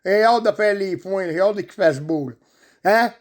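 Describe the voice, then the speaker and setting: A man's voice: high-pitched, expressive, a little slow. A man playing a crude, swearing middle-aged farmer with a Quebec French accent in a comedy sketch. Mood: rowdy. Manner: swearing, rowdy, rambling.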